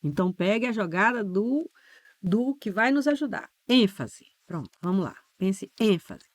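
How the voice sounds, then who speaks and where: A woman teacher with a Brazilian Portuguese accent, explaining spelling rules step by step in an online exam-prep lesson, slowing down to stress key letters and often checking that viewers follow. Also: medium pitch, very animated, no room sound, clean studio sound.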